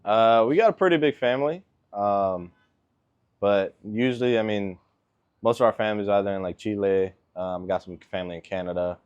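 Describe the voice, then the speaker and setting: A man in his twenties, born in Venezuela and raised in Miami, answering interview questions as an NFL kicker in a relaxed way, with lots of filler words. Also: fairly low pitch, fairly quick, smooth, muffled recording. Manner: laid-back, lots of ums and likes.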